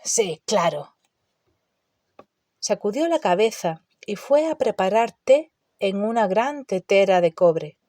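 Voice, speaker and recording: A woman narrating an audiobook in a measured, expressive storytelling way. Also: mid-range voice, no echo, studio quality.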